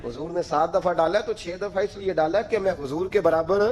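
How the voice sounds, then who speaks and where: ऊँची आवाज़ वाला उपदेशक पुरुष. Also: male voice, brisk, a little mellow, low-quality recording. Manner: acts out quoted voices with big pitch swings. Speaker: preacher. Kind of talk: sermon storytelling.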